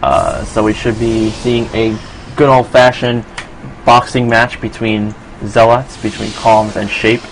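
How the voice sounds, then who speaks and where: A man's voice: fairly low pitch, measured pace, vocal fry, slight background noise, low-quality recording. New York man casting a game. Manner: relaxed, filler-heavy, casual. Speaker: esports commentator. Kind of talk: solo play-by-play commentary.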